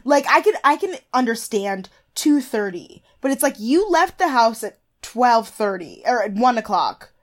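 A woman's voice: on the high side, sing-song, normal speed, hardly any pauses. Woman podcast co-host, blunt and sweary, casual recap chat. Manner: blunt, swears freely, many "like" fillers.

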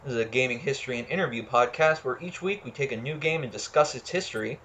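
A man's voice: medium pitch, fast talker, fairly bright tone, a little hiss or hum. An American man hosting a casual podcast as its gaming historian, full of joking, self-mocking banter.

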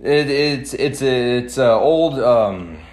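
A man's voice: mid-range voice, slow, a little mellow. A young man chatting casually as a podcast host, rambling and often repeating his phrases. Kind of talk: casual chat.

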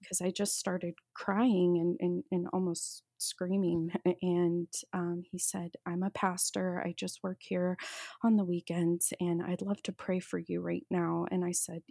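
Woman, interview guest, low pitch, gravelly, halting storytelling, dry close sound. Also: dark tone, no echo. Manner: halting, many restarts and fillers while recounting. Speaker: guest sharing a testimony.

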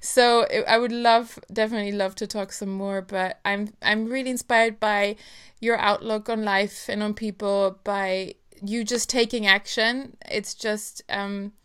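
A woman's voice: mid-range voice, steady tone, measured pace, fairly bright tone, clean tone. A woman hosting a casual interview, speaking in an effusive, gushing manner. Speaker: podcast host.

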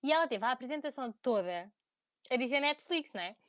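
Joking portuguese woman cohost, kinda high voice, dry close mic. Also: animated, fast talker, a bit bright, dry recording. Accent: European Portuguese. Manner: joking, teasing, playful. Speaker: podcast co-host. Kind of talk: casual chat.

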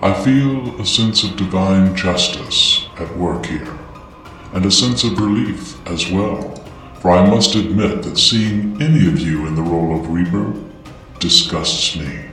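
A man voicing a grave, dignified male Grim Reaper in a storybook reading, speaking slowly and in a hushed, measured way. The voice sounds distant and heavily echoing. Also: deep voice, pitched below the performer's own voice.

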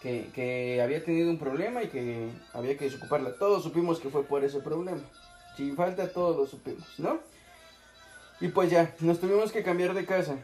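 A man's voice: fairly high pitch, fairly quick, a little mellow. A young man with a Mexican accent, co-hosting a podcast, telling a story in casual, joking, profane chat. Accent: Mexican Spanish. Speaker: podcast co-host. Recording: echoey room with faint music.

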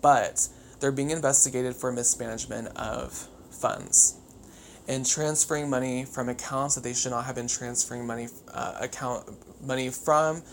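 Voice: medium pitch, fairly even intonation, normal speed, rough recording. A podcast host talking casually and solo with wired, chattery, over-caffeinated energy, swearing freely. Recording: clear background noise.

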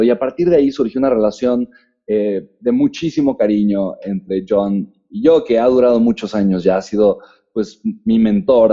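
A Mexican man tells his story as an interview guest, animated and dotted with fillers. His voice is very dark and mellow. The recording sounds dull and muffled. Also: on the low side. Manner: animated, fills with "eh" and "pues". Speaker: guest, author and entrepreneur.

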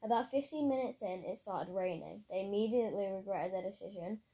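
Woman reading a story, mellow voice. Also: mid-range voice, brisk, poor audio. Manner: plain storytelling, occasional slips and restarts. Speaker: narrator. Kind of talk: reading own story aloud.

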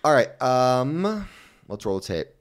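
A man's voice: mid-range voice, sing-song, a little slow. A man co-hosting a podcast in casual chat, blunt and teasing, swearing freely. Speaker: podcast co-host.

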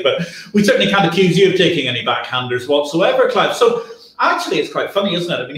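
A man's voice: on the high side, a bit bright. A middle-aged man hosting a livestream, presenting in a theatrical, effusive and wordy way. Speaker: livestream host. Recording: roomy echo.

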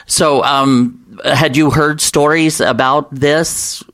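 Chatty American interviewer from the Midwest. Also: male voice, a little high, fairly even intonation, slow pace, fairly bright tone. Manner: chatty, laughs often. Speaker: show host. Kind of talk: casual interview.

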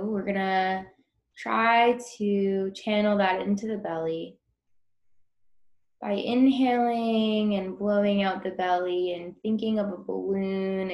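Speaking slowly and without hurry, a woman guides a breathing meditation, giving gentle, informal instructions. Her average-pitched voice has a noticeable creak. The lo-fi recording sounds roomy, with audible echo.

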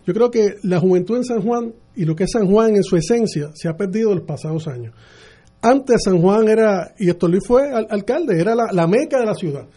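The speaker, a Puerto Rican man in middle age running for mayor, fields radio interview questions with earnest, halting answers full of restarts, in a Puerto Rican Spanish accent. He has a high, warm voice with lively intonation and a breathy edge.

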